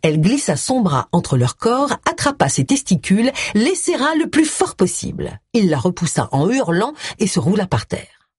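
A woman narrating an audiobook in expressive storytelling style. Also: medium pitch, normal speed, slightly rough, dry recording, studio quality. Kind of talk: scripted narration.

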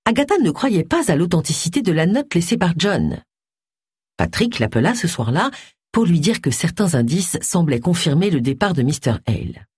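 A woman narrating an audiobook in an expressive, varied reading style. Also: low voice, breathy edge, no echo, studio quality.

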